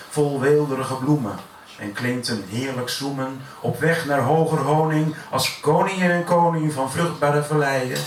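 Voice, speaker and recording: A man recites his own poetry in a café, pacing each line with measured, deliberate pauses. His voice sits mid-range and comes from well back in an echoey room. A steady hiss of noise runs under it. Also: mid-range voice. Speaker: poet. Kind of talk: poetry reading at a live event. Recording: echoey room from far off, noisy.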